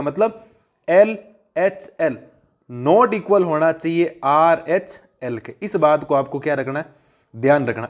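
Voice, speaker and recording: A high-voiced man takes students through a classroom math lesson. He keeps asking questions and answers them himself, and he repeats each key point so it sticks. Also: darkish tone. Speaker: math teacher.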